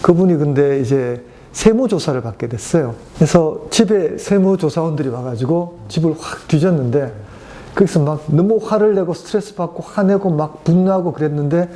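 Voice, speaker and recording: A man's voice: on the high side, expressive, moderate pace, warm tone. A middle-aged man, a cardiologist, explaining stress and heart disease on a medical talk show, telling cases with many fillers.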